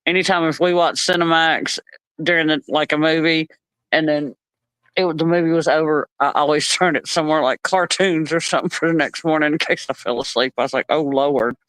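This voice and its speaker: A woman telling family stories in a casual live chat, animated and laughing often. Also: low voice, a little fast, no echo. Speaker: live stream co-host.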